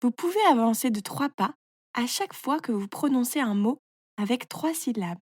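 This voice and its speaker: Woman as wise caterpillar referee, storybook, calm, patient, fairly high, dry close sound. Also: moderate pace, no room sound.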